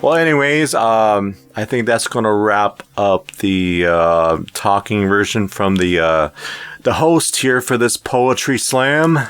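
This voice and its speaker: A man's voice: on the low side, slow pace, fairly bright tone, smooth. A young man co-hosting a casual podcast, rambling in a folksy, self-deprecating way. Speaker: co-host. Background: music.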